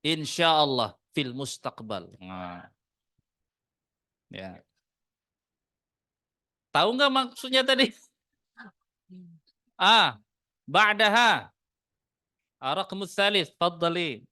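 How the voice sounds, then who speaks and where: A man with an Indonesian accent teaching an Arabic class in a mosque study room, in a casual classroom manner, mixing Arabic phrases into relaxed Indonesian with joking asides. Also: on the high side, extremely slow, pauses often, no room sound, studio quality.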